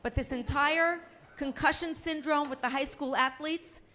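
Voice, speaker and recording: A high, sharp-edged female voice belonging to a middle-aged woman on stage doing stand-up. She rants in a brash, profane, self-mocking way, tossing out crude asides and punchlines. Her tone stays bright and biting throughout. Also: steady tone, a little slow. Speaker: stand-up comedian. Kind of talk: stand-up comedy routine.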